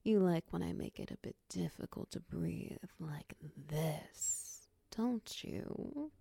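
A woman's voice: fairly low pitch, expressive, slow pace, no room sound, exaggerated voice. A woman whispering as a doting snake-tailed mother figure. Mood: coaxing. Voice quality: breathy whisper. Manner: soft close whispering, coaxing and soothing. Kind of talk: ASMR whispered roleplay.

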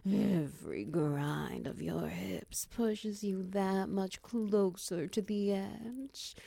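A woman performing an intimate audio roleplay, speaking slowly and softly with a teasing manner that often drops into whispers. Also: medium pitch, gravelly, husky, dry recording, studio quality. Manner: slow, soft and teasing, dipping into whispers.

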